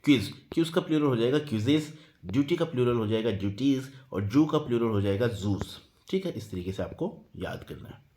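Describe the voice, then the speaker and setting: A man's voice: mid-range voice, expressive, fairly quick, dark tone. Patient man teaching a grammar lesson. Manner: patient, repeats "theek hai" after each point; spells words out letter by letter. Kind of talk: Hindi-medium grammar lesson.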